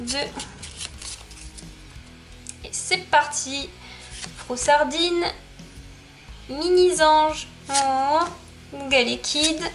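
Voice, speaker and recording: High-voiced woman chatting slowly. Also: a bit bright. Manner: chatty, reads off card names, laughs often. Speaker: YouTuber opening trading card packs. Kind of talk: casual unboxing commentary.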